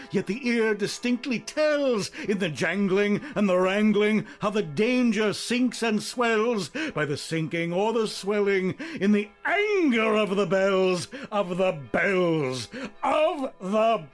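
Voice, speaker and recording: A poetry reader with a high-pitched, sing-song voice takes his time, delivering an intense, theatrical recitation in which repeated words are stretched out. Music plays behind him.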